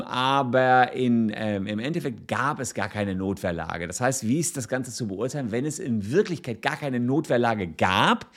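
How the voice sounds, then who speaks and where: A man commenting on a video and explaining criminal law in a relaxed, thinking-aloud way with frequent fillers. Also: mid-range voice. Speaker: legal commentator.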